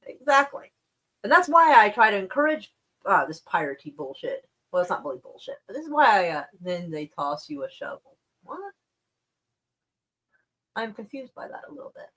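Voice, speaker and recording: A woman's voice: medium pitch, big pitch swings, brisk, pushed and bright, rough recording. A woman chatting casually on a live stream about the news, rambling and wry, with plenty of swearing. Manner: profane, laid-back, wry.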